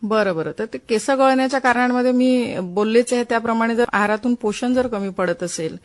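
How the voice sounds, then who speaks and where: A woman's voice: a little high, a little fast. A woman, a doctor giving explanatory, instructive advice on a phone-in. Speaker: Ayurvedic doctor, studio guest.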